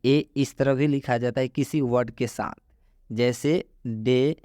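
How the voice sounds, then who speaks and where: A man teaching English pronunciation, spelling out sounds slowly and repeating key words. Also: mid-range voice, level tone, warm tone, dry recording, studio quality. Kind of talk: slow explanatory lesson.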